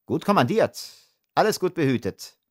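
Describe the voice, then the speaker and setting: A man's voice: medium pitch, animated, moderate pace, dry recording, clean studio sound, pitched above the performer's own voice, lightly acted. A man reading an audiobook, voicing an arrogant army lieutenant who speaks with contempt. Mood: sneering. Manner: sneering, contemptuous.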